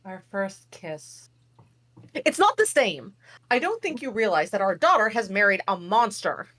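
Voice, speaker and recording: A woman's voice: mid-range voice, very animated, a little slow, fairly bright tone. A woman reading the part of a flustered, evasive old king at a live table read, stammering and sighing. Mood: grumbling. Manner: fretful, stammering, dramatic sighs. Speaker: reader.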